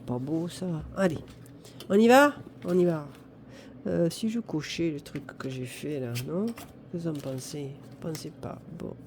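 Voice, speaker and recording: Casual fifties woman from northern France, talks to viewers and herself while counting money; soft, dark tone, slight background hiss. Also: low-pitched, unhurried. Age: 50s. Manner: chatty, talks to herself and viewers, counts aloud, self-mocking. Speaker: budget vlogger. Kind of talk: casual talk to camera while doing budget envelopes.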